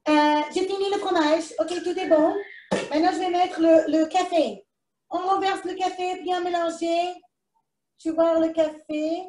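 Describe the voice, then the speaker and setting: A woman's voice: high-pitched, darkish tone, roomy sound, recorded from a distance. A woman with a foreign accent in French presents a live cooking demonstration from a kitchen, chatting to herself as she works. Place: kitchen, indoors.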